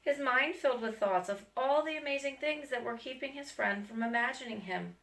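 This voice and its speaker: A school staff member reads a picture book aloud to young students in a high, brisk voice. She is gentle, stopping often to add friendly remarks to her young listeners. The room is echoey, she is far from the mic, and there is faint noise.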